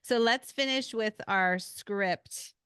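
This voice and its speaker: A woman's voice: a little high, slow pace, fairly bright tone, clear, resonant tone, no echo, clean studio sound. A woman hosting a podcast in casual chat, talkative and self-deprecating. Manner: chatty, self-deprecating, laughs often. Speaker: podcast host.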